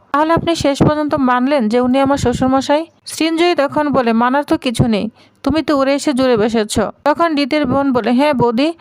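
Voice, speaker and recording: A high-pitched woman narrates a drama's plot, speaking each character's lines herself without changing her voice much. Her delivery is lively, and the sound is dry and close to the mic. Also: dry recording. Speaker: narrator retelling a serial episode. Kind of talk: storytelling recap with quoted dialogue.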